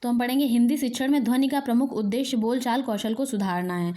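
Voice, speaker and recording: Woman teacher reading notes then re-explaining, kinda high voice. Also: fairly even intonation, fast, mellow. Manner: repeats each point, explaining in plain talk. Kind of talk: exam-prep lecture reading and explaining notes.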